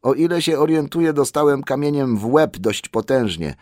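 A small, battered hobbit , put on by a male narrator speaks in a lifted, strained voice, plaintive and rueful, swinging widely in pitch. The sound is dry and close, with no room around it. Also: animated, moderate pace, darkish tone, no room sound, natural voice. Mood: wry. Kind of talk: audiobook character voice.

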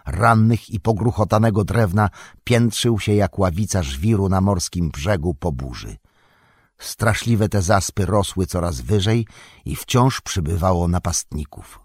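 A man narrating a fantasy novel in a measured, dramatic reading. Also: lowish voice, husky, no echo, clean studio sound. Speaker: audiobook narrator.

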